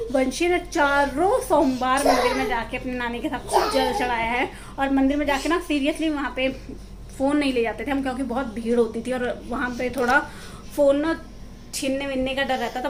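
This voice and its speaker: High-pitched young woman vlogger, chatty and rambling, noisy room behind. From India. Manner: chatty, rambling, coos to her toddler. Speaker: family vlogger. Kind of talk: casual home vlog chat. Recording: noisy home ambience.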